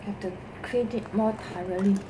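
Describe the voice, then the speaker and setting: It's a noisy home recording with room ambience, made on a camera mic at arm's length on a desk in a small bedroom. A middle-aged Singaporean woman gives an improvised cleaning demonstration for her vlog, halting, repeating herself, and using particles like "lah" and "ah." Her pitch is medium and her intonation fairly even.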